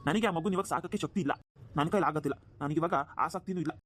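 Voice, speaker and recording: A man's voice: fairly high pitch, rapid-fire, very noisy, natural voice. A man voicing a stubborn, callous young village husband who drinks, in a cartoon, talking dismissively. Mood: defiant. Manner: dismissive, defiant. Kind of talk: cartoon dubbing.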